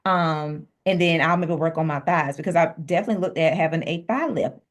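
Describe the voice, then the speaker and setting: A registered nurse who co-hosts a podcast talks frankly in a casual chat, telling animated stories and affirming her listener. Her voice is deep and her pace brisk.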